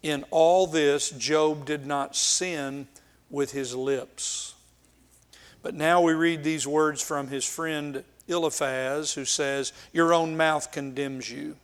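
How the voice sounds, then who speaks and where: A man preaching a Bible study sermon, reading scripture aloud with emphasis and pausing often. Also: a little high, fairly even intonation, clear, resonant tone. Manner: slow and deliberate, with frequent filler pauses.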